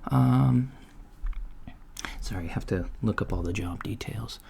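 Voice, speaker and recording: In a soft-spoken ASMR roleplay, a man plays an apologetic, inexperienced male alien job interviewer, speaking in a matter-of-fact but hesitant, halting way with mumbled asides. His voice is lowish, gravelly, and mellow. Keyboard typing and faint noise can be heard in the lo-fi recording.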